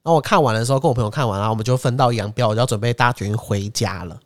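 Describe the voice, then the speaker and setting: A man's voice: medium pitch, racing. A man in his twenties with a Taiwanese Mandarin accent, chatting casually and telling stories animatedly. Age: 20s. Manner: animated storyteller, acts out other people's lines. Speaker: podcast co-host. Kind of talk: casual chat.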